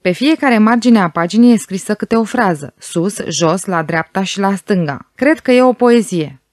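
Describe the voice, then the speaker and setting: A woman's voice: medium pitch, animated, darkish tone, no room sound, studio quality, natural voice. A woman voicing a young female scientist who speaks bluntly and matter-of-factly.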